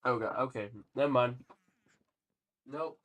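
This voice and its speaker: Speaking a little slowly in a mid-range voice, this young man chats casually while playing on a live stream. His voice is stuffy and nasal, as though a sneeze is coming, and he wanders between addressing viewers and talking to in-game creatures.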